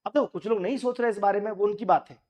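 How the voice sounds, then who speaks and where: A man with a high, hoarse voice speaks straight to exam candidates. He is emphatic and rallying, and he repeats his key points to drive them home. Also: rapid-fire, darkish tone. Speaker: coaching teacher and union leader. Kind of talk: direct address to exam aspirants.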